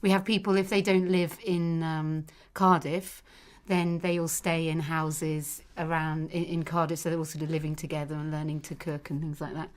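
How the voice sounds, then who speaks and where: A woman conductor talking enthusiastically in a radio studio interview, with frequent quick restarts. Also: sits low, level tone. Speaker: opera conductor.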